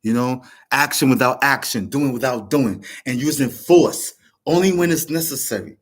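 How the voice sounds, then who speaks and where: A man with a mid-range voice and normal speed hosts his vlog, delivering a casual motivational monologue. He rambles, repeats himself, and frequently restarts his sentences.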